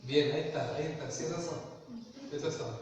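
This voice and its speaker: A high-voiced man preaches to his congregation and keeps asking them questions as he goes. He sounds far from the mic, and his voice rings with long reverb through a big hall. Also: a little fast, a little hiss or hum. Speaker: pastor. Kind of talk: sermon. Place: church hall.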